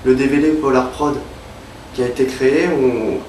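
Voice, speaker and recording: A young freelance illustrator from Évreux, Normandy, France, talks casually in an interview, hesitant and full of fillers and restarts. His mid-range, darkish voice has fairly even intonation and a moderate pace. He is recorded off-mic from a distance in a roomy space, with faint ambience and a little hiss or hum.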